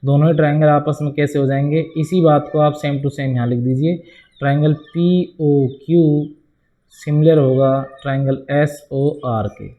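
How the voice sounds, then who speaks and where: A man's voice: on the high side, steady tone, a little slow, narrow, tinny audio. A man teaching a board-exam maths lesson, talking through each step and asking the class questions that he answers himself. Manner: often addresses students as "bhai".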